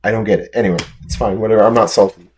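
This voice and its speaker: A young man with a lowish voice co-hosts a casual podcast chat. He talks emphatically and tacks "dude" onto many of his points. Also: fairly even intonation, racing, darkish tone, a little hiss or hum. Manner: emphatic, says "dude" often. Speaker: podcast co-host.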